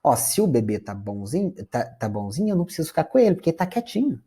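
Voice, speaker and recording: Man, Brazilian Portuguese accent, lecturer, dark husky voice, conversational. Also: fairly high pitch, big pitch swings, fast talker. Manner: conversational, addresses audience as "gente". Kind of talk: classroom lecture.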